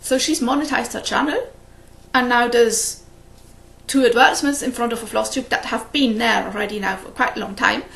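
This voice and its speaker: A woman hosts a cross-stitch video as a flosstube host, talking casually to the camera, rambling and often laughing at her own stories. English is her first language, and her voice is on the high side, creaky, and fairly bright, with a slightly fast pace.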